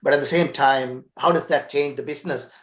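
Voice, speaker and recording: An earnest man co-hosting a podcast talks about business change. He repeats words as he goes and often ends a thought with "right?". His mid-pitched voice sounds roomy and echoey. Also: steady tone, a little fast. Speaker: podcast co-host, transformation consultant. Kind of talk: conversational business podcast discussion.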